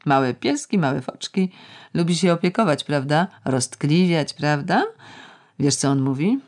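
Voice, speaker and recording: An audiobook reader voicing a bitter, tipsy middle-aged woman who rambles in a sardonic, ironic way, drawing out words slowly. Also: low voice, lively intonation, a little mellow. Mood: mocking. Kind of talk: audiobook character reading.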